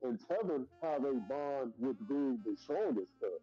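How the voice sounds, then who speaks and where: A man's voice: medium pitch, animated, measured pace, faint music behind. Man with a muffled call mic. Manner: laid-back, lays out points step by step. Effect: muffled voice over an online call. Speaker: co-host of a comics review stream. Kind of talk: casual group discussion. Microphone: online voice call.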